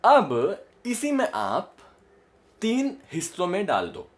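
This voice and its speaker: With a high-pitched voice and huge pitch swings, a young male voice coach teaches modulation in a casual spoken lesson. He goes slowly, explaining the exercises patiently and demonstrating them himself, including repeating a line on rising notes.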